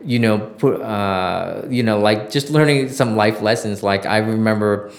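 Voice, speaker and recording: A middle-aged American man from Southern California, a former journalist, tells stories as an interview guest in a conversational way. His voice is lowish, creaky and unhurried, and he sounds reflective, often searching for words.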